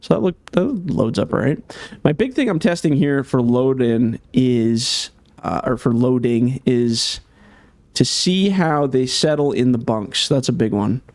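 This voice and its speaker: A man giving casual gameplay commentary as a game modder, chatty and thinking aloud with many fillers, slightly hoarse. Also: mid-range voice, animated, measured pace, a little mellow, no room sound.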